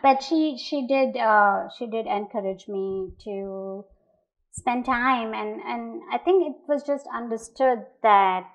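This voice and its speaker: A woman from India, an artist, giving a thoughtful talk about her work, pausing often with fillers and restarts. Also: a little high, muffled recording.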